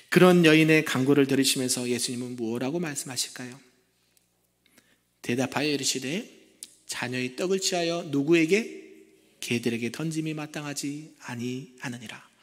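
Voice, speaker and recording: A man, a senior pastor, preaching a sermon in a church and asking the congregation rhetorical questions, moving between loud pleas and hushed asides. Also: on the high side. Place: church sanctuary. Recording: long echo of a church hall.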